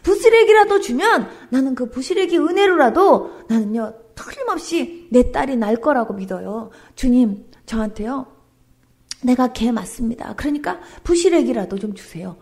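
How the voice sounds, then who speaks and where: A woman's voice: high voice, animated, normal speed, darkish tone. A woman preacher voicing a desperate mother begging for her daughter's healing, with pleading, indignant outbursts. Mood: humbly pleading.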